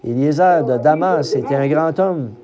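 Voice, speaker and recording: A man with a high voice preaches a sermon, his delivery emphatic and climbing to cries on key phrases. A crowd is clearly heard behind him. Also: normal speed, lo-fi sound.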